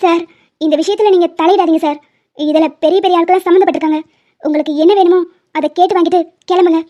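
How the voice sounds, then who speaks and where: A woman's voice: very high voice, steady tone, fast, dark tone. A woman voicing a scheming, dismissive hospital official in a cartoon drama. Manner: dismissive, curt. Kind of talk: cartoon voice acting. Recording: dull lo-fi sound.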